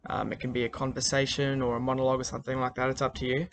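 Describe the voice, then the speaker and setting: Relaxed male teacher. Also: mid-range voice, very fast, vocal fry, a little hiss or hum. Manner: relaxed, many fillers. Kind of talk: recorded class instructions.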